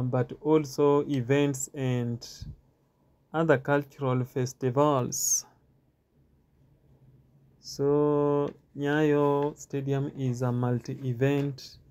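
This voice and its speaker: This outdoor stadium walking tour is captured on a handheld phone, with the male guide talking in a halting way full of filler pauses and repeats. His voice is medium in pitch and a little mellow.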